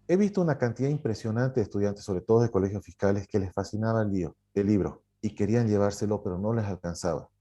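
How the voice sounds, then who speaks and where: Mellow-voiced man telling a story. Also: lowish voice, fast talker, few pauses. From Bolivia. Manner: storytelling, frequent fillers and self-corrections. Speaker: publisher and writer, guest. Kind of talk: conversational interview answer.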